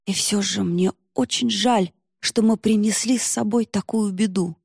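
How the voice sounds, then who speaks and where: Brief: an outspoken young heroine, read by a woman, husky, dry close sound. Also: mid-range voice, fairly even intonation, measured pace, a little mellow, dry recording, voice pushed up.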